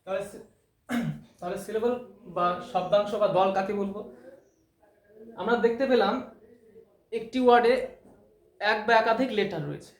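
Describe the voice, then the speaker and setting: A man's voice: high-pitched, steady tone, normal speed, long pauses. A man teaching English grammar, explaining terms step by step, repeating key words and asking rhetorical questions. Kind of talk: classroom-style explanation. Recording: echoey room with faint noise.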